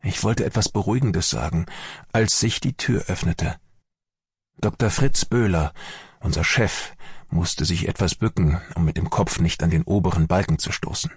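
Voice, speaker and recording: A man narrating an audiobook in a measured storytelling manner, with a husky voice. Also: deep voice, dry recording, studio quality.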